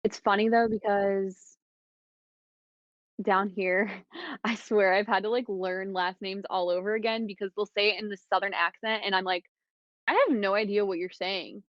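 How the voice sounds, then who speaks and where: A young woman from the Midwest, a podcast guest chatting casually, full of fillers and animated retellings. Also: mid-range voice, moderate pace, no room sound. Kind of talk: casual chat. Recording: dull lo-fi sound, dry.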